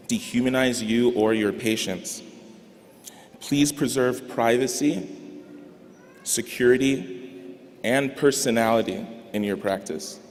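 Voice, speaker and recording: A young man giving a commencement speech on behalf of his graduating class, earnest and deliberate, with emphatic rises. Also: lowish voice, a little mellow, slight background noise. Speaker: graduating student speaker. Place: large arena. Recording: reverberant arena PA sound.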